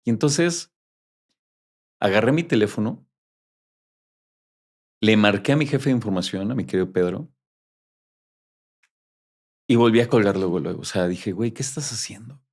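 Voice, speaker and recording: A man's voice: lowish voice, normal speed, pauses often. A man, a journalist guest in a casual interview, telling a story with animation and acting out the dialogue. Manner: animated, acts out quoted dialogue.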